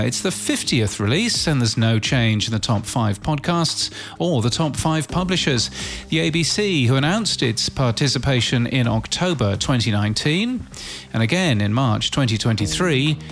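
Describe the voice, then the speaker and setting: This scripted podcast news roundup is delivered by a man with music playing underneath. He's animated and fairly bright in tone, medium in pitch and normal in speed, stepping neatly from one headline to the next and dropping in the odd dry remark.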